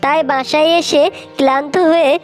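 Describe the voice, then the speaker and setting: A woman's voice: high-pitched, fairly even intonation, moderate pace, faint music behind, natural voice. A woman voicing a caring female fox mother and wife in a cartoon, tender and tearful in manner. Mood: grieving. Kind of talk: cartoon voice acting.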